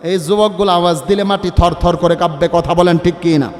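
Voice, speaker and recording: A male preacher with a Bangladeshi Bengali accent giving a waz sermon, moving from soft talk into loud sung chanting. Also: high voice, steady tone, a little fast. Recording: long hall reverb with faint music.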